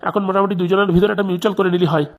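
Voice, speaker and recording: An actor plays a cowardly cartoon politician full of bluster. He stammers and rushes his words. The pitch stays ordinary. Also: level tone, lightly acted. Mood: flustered. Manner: flustered, stammering. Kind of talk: comic cartoon dub.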